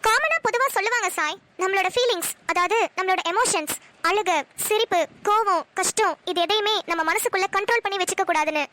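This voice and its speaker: A woman's voice: very high voice, brisk, pushed and bright. A woman voicing a frank young woman in a cartoon who earnestly coaxes her friend. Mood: persuading. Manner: earnest, persuading. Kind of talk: Tamil cartoon voice acting.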